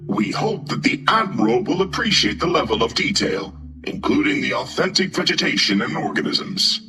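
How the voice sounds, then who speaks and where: A man's voice: medium pitch, very animated, normal speed, close to an everyday voice. A man voicing a mechanical alien zoo guide drone, formal and condescending, with music behind. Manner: formal, detached, sneering. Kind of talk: horror audio story.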